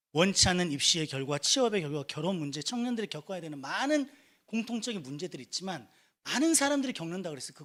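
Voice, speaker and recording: A man's voice: on the high side, a bit bright. A young man preaching a sermon to a church youth group, earnest and conversational, with rising emphatic peaks. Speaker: youth pastor.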